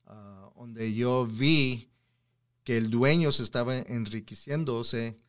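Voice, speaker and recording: A man's voice: mid-range voice, slow, a bit bright, clear, resonant tone. A man in his thirties from Houston, Texas, a podcast guest talking casually in Spanish and dropping in English words. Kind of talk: casual interview chat.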